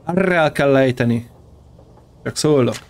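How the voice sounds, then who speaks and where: Slight background noise accompanies this medium-pitched gaming host as he does casual let's-play commentary, swearing excitedly and taunting the enemies in the game.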